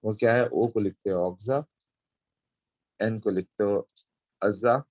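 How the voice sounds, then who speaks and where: A male chemistry teacher gives a lecture in an unhurried, deliberate way, his voice sitting on the low side. He walks through each step and keeps checking that his students follow. The sound is dry and close, with little room around it. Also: steady tone, a little mellow, dry recording. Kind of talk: classroom lecture.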